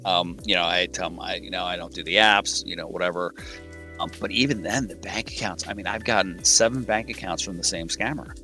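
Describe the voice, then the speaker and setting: A man in casual conversation as a guest, talking in halting bursts with many restarts and fillers. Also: deep voice, pushed and bright, soft background music. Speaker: guest scambaiter. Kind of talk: casual chat.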